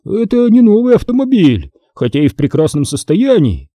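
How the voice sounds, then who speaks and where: A man's voice: sits high, huge pitch swings, moderate pace, mellow, no room sound, clean studio sound, pitched above the performer's own voice. A man reading aloud, voicing a nervous, sweaty older man who halts as he tries to sell his car. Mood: uneasy.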